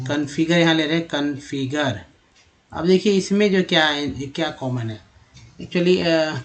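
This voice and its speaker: A man from India teaches English over slides, patiently explaining and slowly repeating sounds with many fillers. His voice is a little high.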